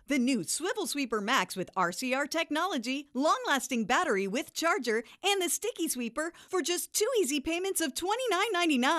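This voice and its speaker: A woman's voice: high voice, fairly bright tone, no echo, clean studio sound. A woman delivering a hard-sell TV ad voice-over as an infomercial announcer, with emphatic, punchy salesmanship.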